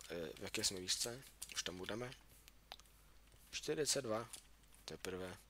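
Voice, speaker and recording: A man's voice: fairly low pitch, pushed and bright, a little hiss or hum. A young man casually commenting on his own game as he plays, talking to himself and yelping when startled. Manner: chatty, talks to himself, yelps in alarm. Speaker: gaming YouTuber. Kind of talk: casual let's-play commentary. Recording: clear keyboard clicking under voice. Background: keyboard and mouse clicks.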